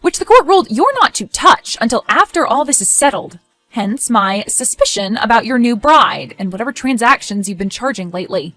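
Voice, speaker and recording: A woman playing a skeptical, sharp-tongued adult daughter in scripted story dialogue, expressive and conversational. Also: a little high, normal speed, no echo, faint music behind, heavily acted. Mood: accusing.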